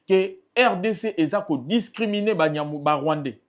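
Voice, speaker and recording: A man with a Congolese French accent, a political party spokesperson appearing as an interview guest, speaks emphatically and with passion in a high-pitched voice at normal speed.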